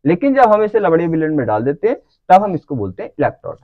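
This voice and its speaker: A man's voice: a little high, big pitch swings, quick pace, dry recording, phone-quality sound. A man teaching a lecture who keeps asking the class whether they follow. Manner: checks understanding with repeated questions.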